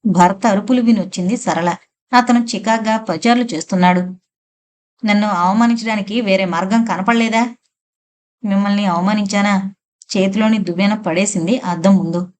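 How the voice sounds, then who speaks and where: A woman's voice: medium pitch, a little mellow. A woman reading a novel aloud as an audiobook narrator, giving every character's lines in her own voice.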